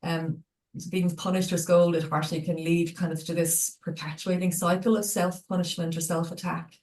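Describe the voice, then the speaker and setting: A woman speaking as a clinical psychologist guest in a webinar discussion, explaining in a measured way over a video call. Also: on the low side, level tone, a little mellow. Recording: echoey room, distant mic.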